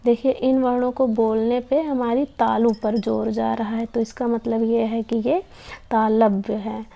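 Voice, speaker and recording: Woman teacher, mellow gravelly voice, slow and patient, sounds out each letter. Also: fairly high pitch. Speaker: Hindi teacher. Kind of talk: slow classroom explanation.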